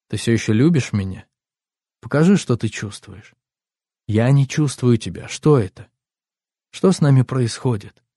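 A man narrating a love story in first person, speaking slowly and reflectively in an intimate tone. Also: mid-range voice, warm tone, dry recording, studio quality.

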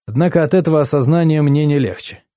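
A man reads a first-person story aloud in a brooding, bitter voice. His tone is dark and mellow, and the recording is close and dry. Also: a little high, fast, no room sound. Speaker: narrator. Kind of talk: first-person audiobook narration.

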